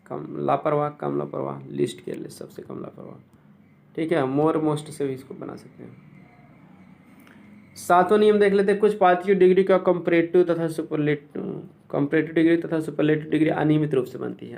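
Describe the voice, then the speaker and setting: A man who teaches English, explaining grammar rules step by step and slowly repeating each example word. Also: on the high side, vocal fry, darkish tone.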